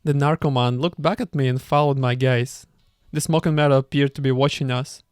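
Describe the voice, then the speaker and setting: Man reading a book aloud with commentary, smooth resonant voice, occasional stumbles, amused asides. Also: medium pitch, fairly even intonation, brisk, a little mellow, no room sound, studio quality. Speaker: reader.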